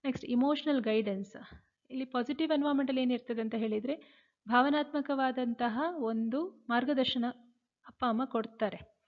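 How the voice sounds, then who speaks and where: A woman's voice: high-pitched, normal speed. A woman teacher giving a lecture, reading English points aloud and then explaining each one in Kannada. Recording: phone-like narrow sound.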